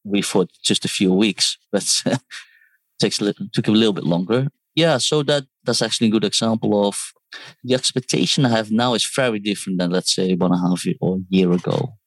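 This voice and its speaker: Speaking fairly quickly in a fairly low voice, a man talks about his work as a guest in a conversational interview, over poor audio with no room sound. He was born in South Korea, grew up in the Netherlands, and works as a startup founder and design teacher. His manner is thoughtful, with restarted words and asides quoting others.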